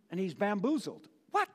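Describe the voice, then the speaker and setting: A man's voice: sits high, vocal fry. A man preaching a storytelling sermon in a church, dramatic and asking the congregation questions, with a long reverb.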